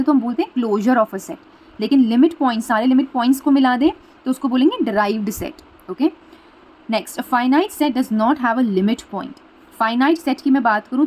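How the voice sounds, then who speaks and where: Patient woman maths teacher, higher voice. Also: a little mellow, low-quality recording. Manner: patient, repeats key points, checks understanding; mixes English terms into her teaching. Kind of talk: explaining a math lesson at a board.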